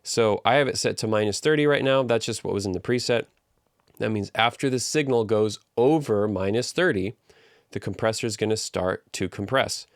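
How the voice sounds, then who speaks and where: A man's voice: fairly low pitch, normal speed, no room sound, clean studio sound. A man teaching audio compression in a tutorial, talking in an upbeat, joking, conversational way. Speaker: audio engineering instructor. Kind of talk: screen-recorded tutorial.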